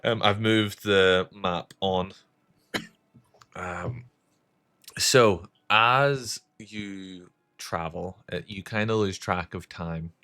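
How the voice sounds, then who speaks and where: A man with a very low voice narrates as dungeon master for a tabletop game. He talks slowly and evenly as he lays out the scene. He sounds like he is on a voice call from home. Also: fairly bright tone. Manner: slow, measured scene-setting.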